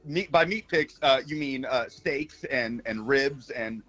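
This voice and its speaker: A man's voice: medium pitch, measured pace, fairly bright tone. Man talking over a phone line. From Brazil. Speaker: show regular calling in. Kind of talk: casual sports radio chat.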